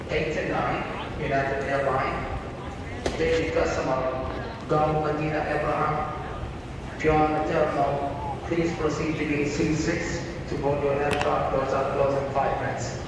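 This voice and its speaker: A man's voice: on the high side, flat delivery, moderate pace, far from the mic. A man working as a gate agent, making a boarding announcement in an airport. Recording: very echoey, noisy airport PA from afar.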